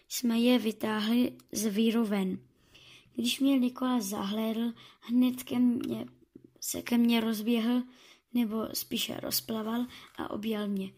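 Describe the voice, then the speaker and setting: A woman reading a first-person story aloud, halting and correcting herself as she goes. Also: on the high side, a little mellow, breathy edge.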